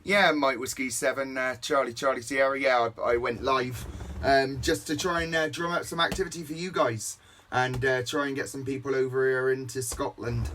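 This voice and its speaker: A man's voice: medium pitch, steady tone, moderate pace, sharp tone, slight background noise. A man on amateur radio chatting casually and hesitantly, full of fillers. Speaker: radio amateur live streamer.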